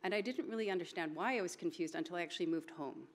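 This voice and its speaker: This Hawaiian woman talks fast in a lowish voice while moderating a conference panel on a hall stage. Her style is informal, and she mixes in words. A large hall's long reverb echoes through the recording.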